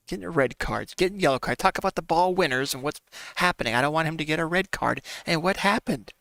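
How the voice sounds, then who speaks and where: A man's voice: on the high side, vocal fry, sharp tone, no echo. A man commenting casually on a football management game, chatting to viewers as "folks" and sighing and laughing through his frustration. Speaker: gaming commentator.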